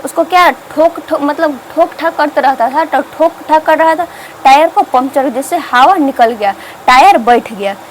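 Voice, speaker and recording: Brief: female tutor, high voice, repeats and quizzes herself while retelling a story. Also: normal speed, a little hiss or hum, rough recording. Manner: repetitive, asks and answers its own questions. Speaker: teacher. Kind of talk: explaining a story to students.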